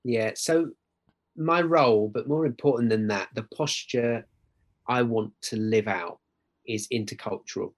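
A middle-aged man from Essex, England, who works for a church, shares personal stories as a podcast guest in conversational style. His medium-pitched voice is unhurried, earnest and emphatic, and he often checks in with "right?"

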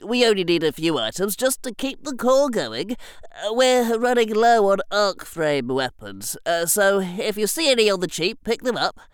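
A man's voice: sits high, big pitch swings, normal speed, clear, resonant tone, dry recording, pitched above the performer's own voice. A man voicing a chatty little gnome engineer who rambles with lots of fillers. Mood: casual. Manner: rambling, filler-heavy, friendly.

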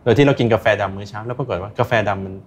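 A man's voice: lowish voice, racing, a little mellow, breathy edge. A man speaking as an interview guest, earnestly sharing personal experience and advice in a casual chat. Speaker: interview guest, recreational runner.

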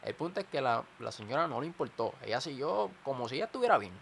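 A man's voice: medium pitch, very animated, fast, gravelly, fairly bright tone, slight background noise. A man in a casual chat, telling a story animatedly and acting out the people in it.

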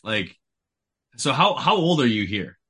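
A man's voice: mid-range voice, sing-song, a little slow, a bit bright, slightly rough. A man in his thirties hosting a podcast interview, asking enthusiastic, hesitant questions full of "like". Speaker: podcast host. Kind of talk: casual interview.

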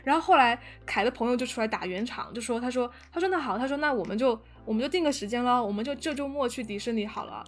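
Fast, animated young woman telling a story. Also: a little high. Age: young adult. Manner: animated storytelling with many fillers and restarts. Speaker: podcast guest storyteller. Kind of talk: casual chat.

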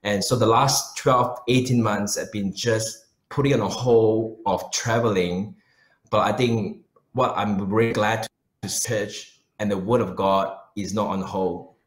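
In a roomy, echoing recording, a man with a Malaysian accent answers interview questions earnestly and personally. He's a pastor and missionary guest whose lowish voice keeps fairly even intonation at a measured pace.

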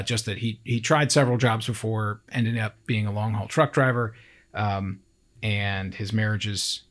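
A man co-hosting a podcast, telling a true-crime story in a casual way and acting out the people in it. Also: lowish voice. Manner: acts out quoted people with raised voices, laughs often. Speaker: podcast co-host.

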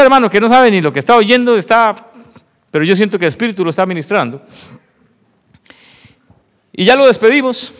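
A man preaching a sermon testimony, telling a story with animated acted-out dialogue. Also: high-pitched. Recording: long hall reverb.

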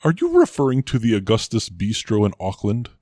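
A man playing a formal, prim gentleman interviewer with a proper, fussy way of talking. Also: fairly low pitch, wildly swooping pitch, fairly quick, dry recording, studio quality. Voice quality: formal, prim, increasingly exasperated. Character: stuffy, proper male interviewer, middle-aged man. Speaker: interviewer in a comic sketch.

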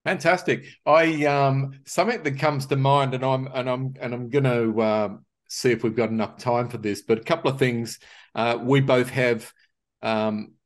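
A man's voice: medium pitch, fairly even intonation, moderate pace. A man with a mid-range voice hosts a podcast interview. He rambles and restarts his sentences as he leads into a question for his guest. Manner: rambling, hesitant, full of restarts. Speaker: podcast host. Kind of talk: casual interview chat.

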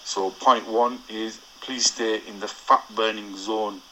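Flat, low-pitched Yorkshire man reading. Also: slow pace, a little hiss or hum, poor audio. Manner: earnest, with frequent ums and self-corrections. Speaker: guest cyclist giving advice. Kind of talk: reading prepared tips aloud.

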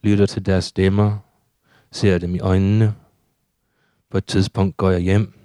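A man reading his own surreal prose poetry aloud in a steady, measured recitation. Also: sits low, no room sound, studio quality.

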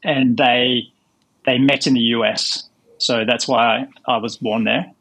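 Gravelly, husky man from Australia. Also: medium pitch, fairly even intonation, slow pace, fairly bright tone, rough recording. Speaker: guest. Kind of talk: podcast interview.

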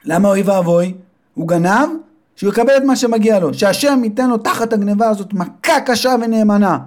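A scolding biblical mother in a children's storybook, voiced by a male narrator. Her voice jumps high and loud as she rails against a thief. She sounds indignant and theatrical. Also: natural voice. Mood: vengeful.

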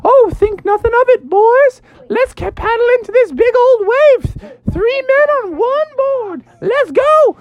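Woman doing a squeaky, breezy surfer-dude Daniel Tiger. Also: expressive, slow pace, hardly any pauses, no echo, muffled recording, exaggerated voice. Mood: breezy, upbeat. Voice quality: squeaky falsetto. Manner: breezy surfer-slang bravado. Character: easygoing boastful surfer-dude tiger, male, cheerful rescuer.

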